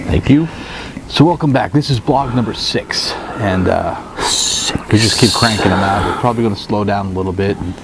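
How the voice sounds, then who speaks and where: A man's voice: fairly low pitch, noisy background. A middle-aged man co-hosting a casual chat, telling a dating story with lots of fillers and restarts into a lapel mic. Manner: rambling, animated, many fillers and restarts. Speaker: co-host. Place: indoor studio room with guitars on the wall. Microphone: lapel mic with headphones.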